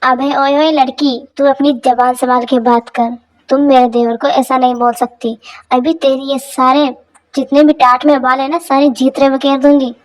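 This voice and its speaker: A fierce sister-in-law in a fan dub drama, brash and loud-mouthed, quick to scold anyone who crosses her family, as a woman plays her. Her voice is high. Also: little pitch movement, natural voice, poor audio. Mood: furious. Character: fiery older sister-in-law, fiercely loyal.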